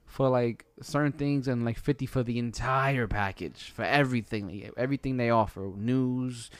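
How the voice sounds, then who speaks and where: A man with an average-pitched voice hosts a casual chat. He talks in loose, slangy, bro-like phrases, and the recording is close and dry. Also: normal speed, smooth, dry recording. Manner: slangy, colloquial, bro-like banter. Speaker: podcast host.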